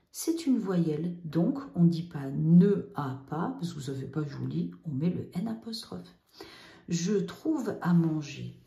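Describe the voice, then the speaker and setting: Lady teacher, lively sing-song voice, slow and warm, echoey room. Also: lowish voice. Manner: lively, coaxing, spells out examples slowly. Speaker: primary school teacher. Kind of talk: children's grammar lesson.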